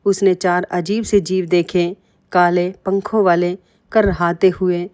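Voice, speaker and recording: A woman with a low-set voice narrates a moral folk tale. Her delivery is scripted and steady, in the manner of a storyteller. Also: slow pace.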